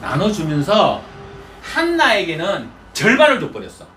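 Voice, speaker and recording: A man's voice: high voice, huge pitch swings, unhurried, pushed and bright, a little hiss or hum. A male pastor preaching in a folksy storytelling manner, often asking the congregation questions. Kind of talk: conversational sermon.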